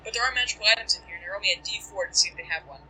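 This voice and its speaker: Bright-voiced, rambling game master. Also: mid-range voice, rapid-fire, slight background noise, poor audio. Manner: rambling, chatty narration with many fillers. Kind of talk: narrating a tabletop game.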